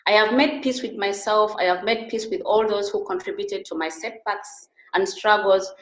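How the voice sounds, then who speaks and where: A woman's voice: mid-range voice, normal speed. A middle-aged woman from Uganda, guest in an interview, speaking earnestly with frequent restarts. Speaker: interview guest, beauty and wellness therapist. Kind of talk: conversational interview. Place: Germany. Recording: roomy echo.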